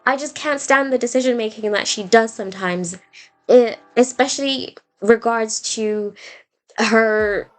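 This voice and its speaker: A woman hosting a podcast, recapping and critiquing a TV episode in a chatty, opinionated way, full of fillers and quick acted-out quotes. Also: on the high side. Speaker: podcast host. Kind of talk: casual TV recap and commentary.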